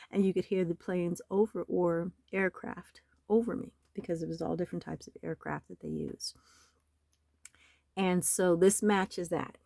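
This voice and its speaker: Hoarse woman with a cold, lowish voice, urgent, rambling vlog delivery. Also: warm tone, no room sound. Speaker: nonprofit website owner. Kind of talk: screen-recorded vlog. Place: home in the desert.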